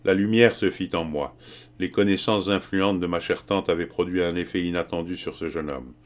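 A man reading a literary novel aloud as an audiobook narrator, in a measured, even storytelling manner. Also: deep voice.

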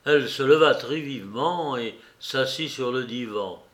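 A man reading a novel aloud in slow, measured storytelling narration. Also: medium pitch, a bit bright, roomy sound. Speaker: audiobook reader.

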